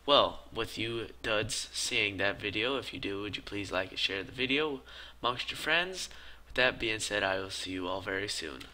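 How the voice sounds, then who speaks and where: A gaming video creator gives a casual voice-over of his gameplay, a quiet, tired man speaking at a moderate pace. Because it's late, he keeps things hushed and low-key, and the recording quality is poor.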